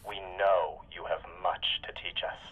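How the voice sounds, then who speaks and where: An actor playing a male cult leader in a booming, echoing, grandiose villain monologue over a radio transmission. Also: steady tone, normal speed, a bit bright, breathy edge. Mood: grand, solemn. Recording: muffled echoing radio message, noisy.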